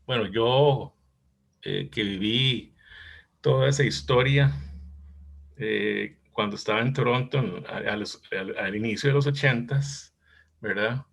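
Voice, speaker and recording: A Costa Rican cardiologist in his 60s talks through a case presentation in an academic discussion. His gravelly, mid-range voice is a bit bright and slow, and he sounds thoughtful, reminiscing and hesitant.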